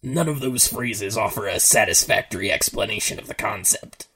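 A performer voicing a robot pirate first mate in a game, formal, disapproving, pedantic and deadpan. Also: mid-range voice, normal speed, slightly rough, exaggerated voice. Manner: stilted, overly formal, deadpan.

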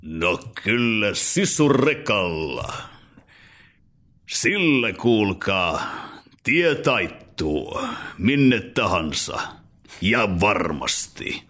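A man's voice: fairly low pitch, big pitch swings, fairly bright tone. A man voicing a tough, confident truck as a boastful, sturdy man.

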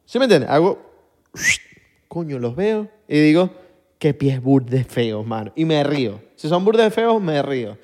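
A man's voice: fairly high pitch, a little slow, big-room sound. A young man with a Venezuelan accent, chatting casually and joking as a podcast co-host. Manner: animated, joking, slangy. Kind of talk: casual chat.

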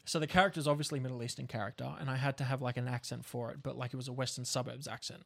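A man's voice: medium pitch, fairly even intonation, rapid-fire, gravelly, fairly bright tone. A young man hosting a podcast, telling stories in a rambling, casual way, swearing freely. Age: young adult. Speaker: podcast host. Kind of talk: casual chat.

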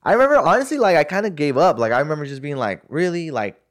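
A man's voice: a little high, huge pitch swings, racing. A young man telling a story in casual chat, loose and slangy, with lots of fillers and cursing.

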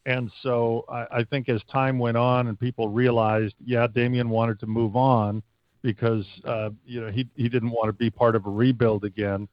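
A man's voice: mid-range voice, level tone, moderate pace, dry recording, highs cut off. A man from the United States who works as a stadium announcer, answering interview questions casually and wordily, with stops and starts.

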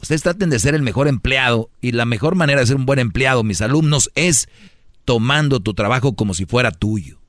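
A man's voice: medium pitch, lively intonation, fairly quick, a bit bright, no room sound, clean studio sound. A man hosting a radio advice show, preachy and joking in a boastful way. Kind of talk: comic advice talk with callers.

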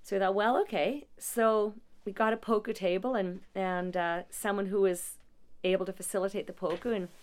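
Smooth-voiced woman telling stories. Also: mid-range voice, fairly even intonation, moderate pace, hardly any pauses. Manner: warm storytelling with frequent restarts and small laughs. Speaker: director at a non-profit support agency. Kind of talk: conversational interview answer.

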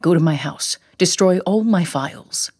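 A woman's voice: fairly low pitch, normal speed, a little mellow, husky. A woman voicing a frightened, paranoid old grandfather who talks in urgent, suspicious bursts. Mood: agitated, paranoid.

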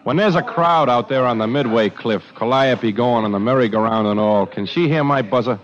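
A man's voice: mid-range voice, a little fast, lightly acted. A man playing a grim, wary carnival showman who narrates his own story in tense, clipped, hard-boiled lines, in an old radio drama. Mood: menacing. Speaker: narrator and lead character. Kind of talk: 1940s radio acting. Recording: dull lo-fi old radio recording with music.

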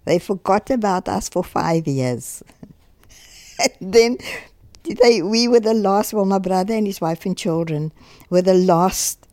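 An older woman from South Africa recalling her past in an interview, halting and emotional, often repeating words. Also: medium pitch, darkish tone, no room sound, clean studio sound. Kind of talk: emotional personal recollection.

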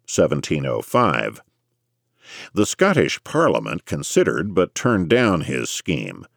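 Male narrator for scholarly nonfiction: extremely low, animated intonation, erudite and measured delivery. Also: gravelly, no echo, clean studio sound. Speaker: audiobook narrator. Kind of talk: scripted scholarly narration of economic history.

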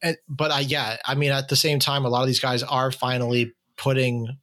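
A man's voice: medium pitch, level tone, a little fast, a bit bright. A man hosting a casual online discussion over a video call, talking conversationally with many fillers and restarts. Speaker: podcast host asking questions.

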